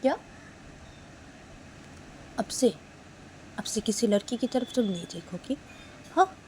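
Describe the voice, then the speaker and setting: A woman's voice: a little high, animated, takes it slowly, warm tone, a little hiss or hum, pitched above the performer's own voice. A woman voicing a jealous, hot-tempered young woman who scolds and nags. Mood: scolding. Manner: scolding, nagging with repeated "haan?". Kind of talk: storytelling role-play.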